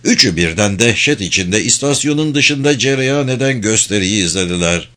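A man reading a suspenseful novel aloud in a measured, steady narration. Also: on the low side. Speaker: audiobook narrator. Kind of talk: scripted narration.

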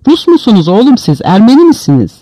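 A man voicing a brutal male prison commander who shouts insults at inmates. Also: on the high side, sing-song, fairly quick, no room sound. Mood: furious.

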